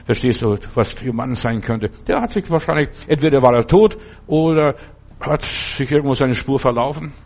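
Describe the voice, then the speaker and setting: An older pastor delivers a sermon at a mid-range pitch. He preaches emphatically, hammering phrases again and again and rising into sudden outbursts. Between them he drops into chatty asides to his listeners. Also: a little mellow. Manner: conversational asides like "verstehst du".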